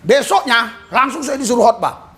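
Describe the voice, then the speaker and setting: An Indonesian man preaching a sermon, telling a personal story with loud cries, low asides and laughter. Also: expressive, moderate pace. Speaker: pastor.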